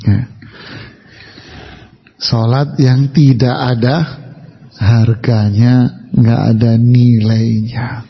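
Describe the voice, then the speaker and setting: A man's voice: medium pitch, fairly even intonation, drawn-out words, creaky, pauses often, slightly rough. A man preaching a humorous sermon to a congregation, asking them questions and acting out everyday quotes. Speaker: Islamic preacher. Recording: dull, lo-fi hall recording.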